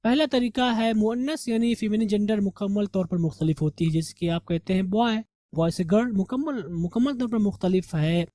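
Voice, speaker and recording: Mellow teacher asking and answering questions. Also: male voice, sits high, fairly quick, dry recording. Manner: asks rhetorical questions, then answers them himself; patient, step-by-step explaining. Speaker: English teacher. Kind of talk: grammar revision lesson.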